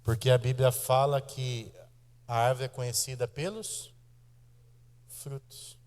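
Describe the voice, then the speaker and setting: Brazilian pastor preaching in a reverberant church. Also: male voice, mid-range voice, little pitch movement, slow, darkish tone. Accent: Brazilian Portuguese. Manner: emphatic preaching with shifts of pace, direct address to the congregation. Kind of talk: sermon. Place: church sanctuary.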